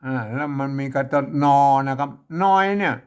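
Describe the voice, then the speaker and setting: A man's voice: medium pitch, normal speed, darkish tone, clear, resonant tone. A man teaching how to read an old script, sounding out words again and again, chuckling often. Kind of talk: casual reading lesson.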